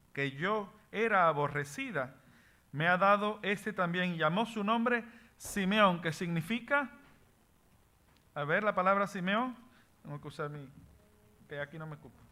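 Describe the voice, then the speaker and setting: High, bright-voiced male Bible teacher. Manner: reads scripture aloud and explains word meanings, asking the class questions; switches between Spanish and English words. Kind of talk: Bible study class.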